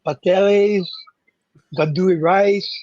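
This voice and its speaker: A man's voice: sits high, steady tone, slow pace, darkish tone, no echo, lo-fi sound. A middle-aged man from Hawaii with a Hawaiian accent, a guest on a podcast telling his story in an easygoing, friendly way. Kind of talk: casual podcast chat.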